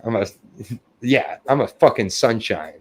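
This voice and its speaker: A young adult man co-hosts a podcast in a fairly low, husky voice, expressive and unhurried. He chats casually, swearing, putting himself down and getting flustered.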